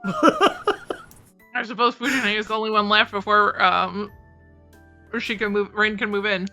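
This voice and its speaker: Bright, lively tomboy-voiced woman. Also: mid-range voice, a little slow, soft background music. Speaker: co-reader on a visual novel playthrough. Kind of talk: casual chat and banter with role reading.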